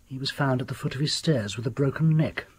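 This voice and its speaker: In a radio drama, a male actor with a medium-pitched, husky, creaky voice plays a haunted, desperate older doctor. He tells things haltingly and theatrically, and the mood is grim and ominous.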